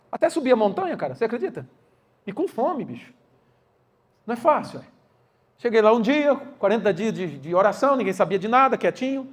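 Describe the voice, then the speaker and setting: A man preaching a sermon full of stories, slangy and animated, acting out the voices of the people in them. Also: sits high. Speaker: pastor. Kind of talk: sermon with storytelling.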